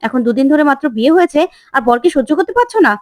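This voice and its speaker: A woman's voice: high voice, very animated, very fast, no echo, studio quality. A woman voicing a stern elderly great-aunt who scolds and insists on old customs, in a soap-opera recap. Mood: scolding.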